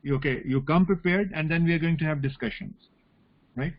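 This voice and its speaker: A man's voice: on the high side, brisk. A man with a North Indian accent giving an informal, explanatory online lecture, often checking in with "right?" and "you know". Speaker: academic lecturer. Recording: slightly dull online call audio.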